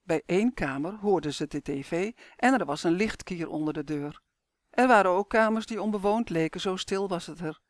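A man reading a children's story aloud in steady, clear scripted narration. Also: sits high, normal speed, no echo, studio quality.

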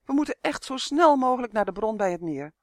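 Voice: medium pitch, big pitch swings, a little fast, dry recording, clean studio sound, voice pushed up, lightly acted. A storyteller voicing an eager, grumbling male elf in a children's audiobook. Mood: anxious. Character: cheeky excitable male elf.

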